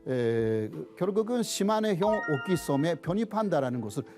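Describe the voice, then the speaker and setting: A man's voice: a little high, very animated, moderate pace, music in the background. A man, a professor and native Japanese speaker, lecturing on history with a Japanese accent in a didactic way, posing questions and then answering them.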